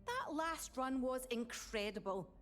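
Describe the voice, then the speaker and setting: A woman's voice: high voice, a little slow. A woman with a Scottish accent playing a chatty, cheerful tea shop clerk in a video game. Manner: bubbly, fan-struck, lively.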